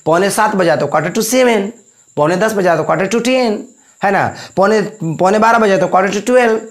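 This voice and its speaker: A man with a high-pitched voice teaches a spoken English lesson, explaining in Hindi. He goes over each point several times and keeps checking that his students follow. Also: measured pace. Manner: repetitive, explaining with frequent check-ins.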